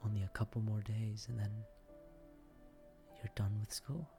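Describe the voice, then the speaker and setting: A man whispering softly in an intimate, affectionate boyfriend roleplay for ASMR. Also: fairly low pitch, steady tone, measured pace, over music.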